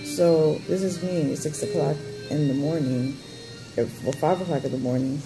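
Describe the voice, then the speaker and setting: A woman in her thirties, a vlogger, gives a personal surgery update in casual chat, candid and blunt, rambling and swearing freely. Her voice is deep and at normal speed, with music in the background and poor audio quality.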